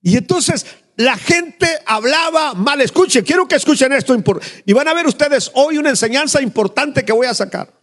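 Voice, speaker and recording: A man's voice: very high voice, normal speed. A middle-aged male pastor, preaching a sermon and telling a family story, acting out the voices and asking the congregation questions. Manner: animated storytelling, acts out quoted voices, asks the congregation questions.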